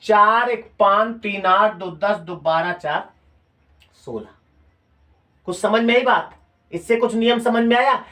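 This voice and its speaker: A man's voice: high-pitched, slow pace, long pauses, pushed and bright. A male teacher with a Hindi accent of Uttar Pradesh, giving a classroom lecture. He repeats key phrases and keeps quizzing his students with questions.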